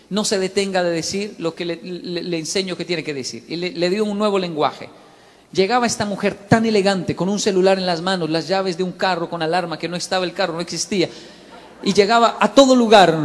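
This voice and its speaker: Male preacher, lively storyteller who plays every character, long reverb of a large hall. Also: high-pitched. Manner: animated, voices the story's characters, calls audience to repeat. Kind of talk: sermon with acted-out story.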